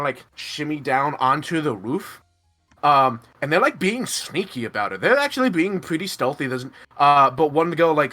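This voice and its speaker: A man's voice: a little high, bright, forceful tone. A man narrating a tabletop role-playing game as game master, rambling energetically with many fillers.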